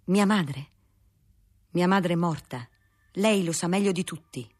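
A woman voicing a cold, quietly mocking young nobleman, in a husky voice. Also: lowish voice, a little slow.

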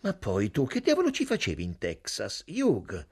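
A man's voice: mid-range voice, wildly swooping pitch, normal speed, a little mellow, breathy edge, exaggerated voice. A man voicing a wry, guarded woman. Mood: curious. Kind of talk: audiobook reading.

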